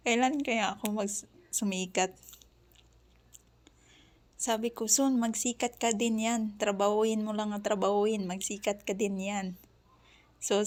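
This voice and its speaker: A woman with an Ilonggo accent telling a story in a casual vlog, laughing often as she talks while chopping onions. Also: medium pitch. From Western Visayas, Philippines. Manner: chatty, laughs often while recounting a conversation. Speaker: vlogger.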